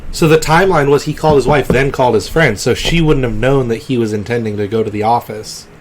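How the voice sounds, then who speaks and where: A man co-hosting a casual podcast, talking excitedly with swearing and laughter. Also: medium pitch, fast talker. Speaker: podcast co-host. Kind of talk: casual chat.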